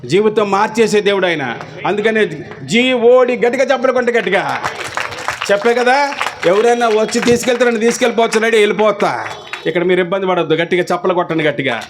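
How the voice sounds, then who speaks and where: A man's voice: high voice, animated, fast, noisy background. A man with a Telugu accent preaching a sermon as pastor, firing rhetorical questions and urging the crowd to answer back. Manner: rhetorical questions and repeated call-and-response urging.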